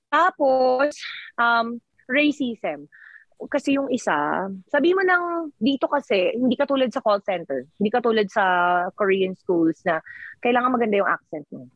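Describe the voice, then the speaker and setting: Animated woman from the Philippines, dry sound. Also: on the high side, a little slow, dry recording, highs cut off. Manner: animated, frequent laughs and self-corrections. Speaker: guest, teacher working in the US. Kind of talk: casual chat, Taglish.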